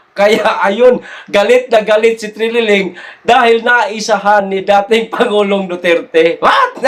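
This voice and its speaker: A man giving casual political commentary to his viewers, teasing and laughing often. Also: high voice. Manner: teasing, laughing often, slow drawn-out delivery.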